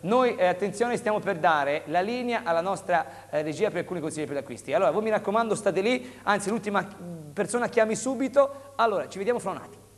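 A man's voice: high-pitched, animated, fast, big-room sound. A man in his thirties presenting a live TV shopping infomercial as host, urgently appealing to viewers. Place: television studio. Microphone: lapel microphone.

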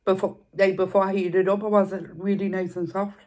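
A woman's voice: mid-range voice, little pitch movement, brisk, darkish tone. A young woman, chatting casually while eating on camera and repeating herself as she rambles. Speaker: food vlogger. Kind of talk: casual mukbang chat.

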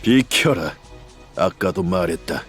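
An actor voicing a proud, defiant human wizard in a video game, with a dramatic dark lord manner. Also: male voice, sits low, expressive, slow pace, soft background music, full character voice. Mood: cold, menacing. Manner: menacing dark-lord delivery, breaking into desperate cries.

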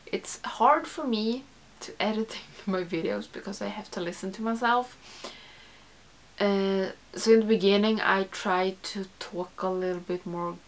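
A young woman who isn't a native English speaker does a tag video as a beauty YouTuber, chatting casually to camera in a small room with makeup shelves. She has a mid-range voice, and her talk rambles with self-corrections and plenty of "like."

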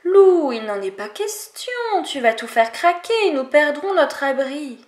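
Petits animaux aigus et inquiets, lus par une femme. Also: female voice, sits high, animated, a little slow, roomy sound, voice pushed up. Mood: timid, protective. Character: small shivering animals huddled in a mitten.

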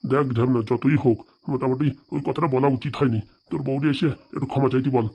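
A man voicing a calm older village father, a mild peacemaker in a cartoon. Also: medium pitch, fast talker, breathy edge, lo-fi sound. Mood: placating. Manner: mild, soothing, tries to settle quarrels. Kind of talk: cartoon voice acting.

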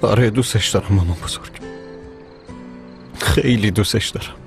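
A man's voice: on the low side, vocal fry. An actor dubbing a heartbroken young man, resigned to a lost love, in a TV drama dub. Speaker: grandson. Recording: dubbed voice over loud music.

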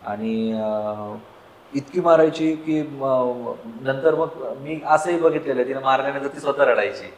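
A man hosting a casual conversation, telling stories in a relaxed, agreeable way. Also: mid-range voice, measured pace. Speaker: host. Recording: echoey room with faint background noise.

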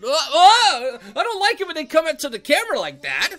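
A man voicing a brash young male cartoon hedgehog in a character reaction video, excitable and jumpy, cheering and yelping at the screen. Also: very high-pitched, fairly quick, faint music behind, exaggerated voice. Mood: spooked.

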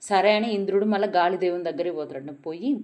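A woman narrates a folk tale aloud, repeating phrases for emphasis. Her voice sits on the low side. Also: fast, darkish tone. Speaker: vlogger storyteller. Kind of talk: oral folk storytelling.

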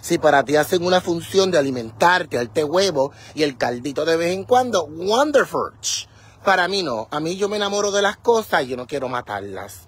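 A man's voice: fairly high pitch, big pitch swings, moderate pace, husky. A man, vlogging casually and dramatically from an outdoor yard on his phone. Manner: dramatic, exclaiming, playful. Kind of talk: casual garden vlog. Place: outdoor yard with fruit trees.

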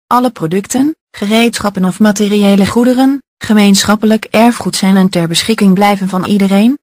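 A woman's voice: medium pitch, no room sound. Woman reading an essay, dry close sound. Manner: steady, measured, list-like delivery.

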